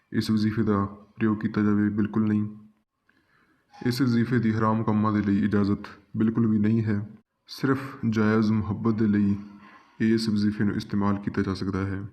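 Low, flat-voiced man teaching. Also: fairly quick, dull audio. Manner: calm, repetitive, addresses listeners as friends. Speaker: channel host giving religious instruction. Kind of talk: spoken instruction to viewers.

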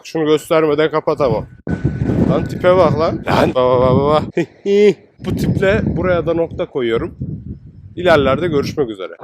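A man making a casual walking travel vlog outdoors in a windy seaside city, chatty and slangy, exclaiming at the sights. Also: on the high side. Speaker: travel vlogger.

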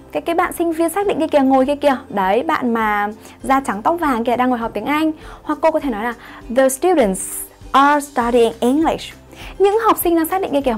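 A woman English teacher, explaining grammar in an online lesson and often asking her students whether they follow. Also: sits high. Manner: explains patiently, asks "right?" to check understanding.

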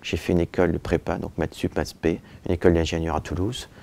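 This interviewee talks fast and flat in a low, darkish voice with vocal fry. He's a man in his forties, Turkish by birth and raised in France, seated in an office with bookshelves and recorded by lapel mic, hesitating with frequent "euh" and "je dirais" before insisting on his points.

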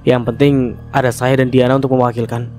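A man voicing a young woman who answers quietly and matter-of-factly. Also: medium pitch, flat delivery, fast talker, soft background music, natural voice. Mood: calm.

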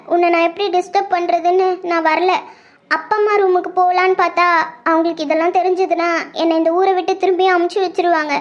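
Woman voicing a scared young girl, high and timid. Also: dull audio. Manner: hesitant, pleading. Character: timid teenage girl, anxious younger sister. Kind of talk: web-series horror drama acting.

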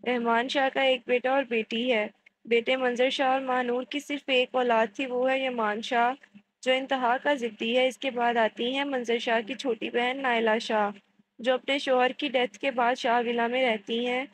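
A woman narrating a romance novel aloud in a steady storytelling manner. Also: fairly high pitch, rough recording. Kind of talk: romance novel audiobook reading.

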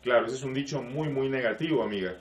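A man's voice: mid-range voice, fast talker. A man, a life coach, giving a live-streamed talk to online viewers, explaining with rhetorical questions and greeting viewers by name. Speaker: life coach and spiritual teacher. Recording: echoey room, voice from a distance.

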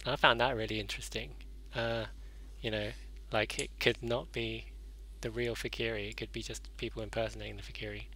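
A man's voice: lowish voice, flat delivery, brisk, bright, forceful tone, low-quality recording. Rambling young man hosting a game show. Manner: rambling, with many fillers and self-corrections. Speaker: host of a gaming show. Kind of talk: casual let's-play commentary.

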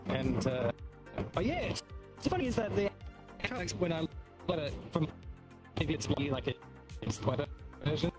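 Guest on a glitchy phone connection, audio crackling and dropping out, halting chat over loud music. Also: mid-range voice, lively intonation. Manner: halting, trailing off mid-sentence. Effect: choppy audio cutting in and out, like a loose connection. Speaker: fellow streamer and guest. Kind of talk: casual chat.

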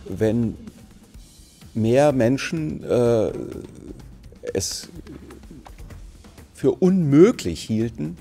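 A man's voice: lowish voice, creaky, mellow. A middle-aged man from Berlin with a light Berlin accent, an actor answering interview questions to the camera, thoughtful and searching for words with many fillers and restarts. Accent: Berlin German. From Germany. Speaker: actor interviewed for a museum anniversary. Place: plain bright indoor studio. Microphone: seated, framed mid-shot to camera.

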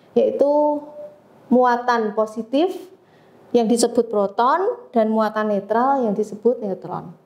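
A woman teaching a physics lesson, explaining step by step with frequent pauses and fillers. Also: on the high side, darkish tone. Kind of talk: classroom lecture.

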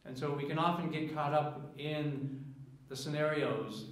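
A man in his sixties, a priest, speaking solemnly as he leads scripture readings and preaching. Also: a little high. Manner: solemn, measured delivery. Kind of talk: liturgical scripture reading and homily. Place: small church sanctuary, at a lectern. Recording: very echoey church, distant mic.

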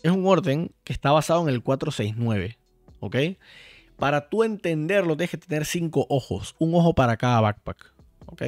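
A man's voice: fairly high pitch, lively intonation, moderate pace, dry recording. Playful, profane male game streamer. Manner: profane, playful, talks to chat directly. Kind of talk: casual live-stream chat while playing. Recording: dry sound, faint background music.

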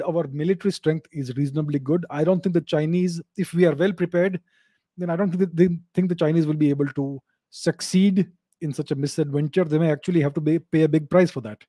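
A middle-aged man hosting a live video Q&A, talking into a close studio microphone in a home study. He explains in a measured way and repeats his key points. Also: a little high, dark tone, dry recording. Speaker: host answering live video call questions. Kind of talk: live video chat Q&A on geopolitics. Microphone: studio mic on a boom arm, close.

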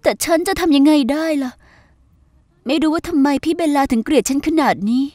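Brief: woman voicing a plaintive schemer, high-pitched, dry studio sound. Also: brisk, a little mellow, no echo, close to an everyday voice. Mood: conspiring. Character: scheming young woman of a wealthy household. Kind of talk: Thai dub of a TV drama.

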